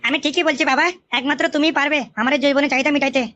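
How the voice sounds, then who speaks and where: A woman voices a flirtatious mother-in-law in a cartoon, coaxing and wheedling in a bright, high voice at a very fast clip. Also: steady tone. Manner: rapid, wheedling.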